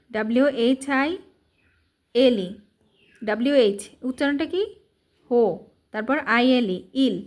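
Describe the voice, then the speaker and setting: High-voiced woman spelling out words. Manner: spells letter by letter, asks and answers herself. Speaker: English reading tutor. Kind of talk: spelling and sounding out words for a lesson.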